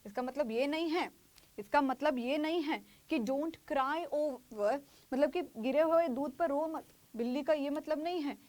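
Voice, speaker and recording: A woman teaching English grammar online, explaining in Hindi, repeating phrases slowly and acting out little skits. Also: sits high, darkish tone.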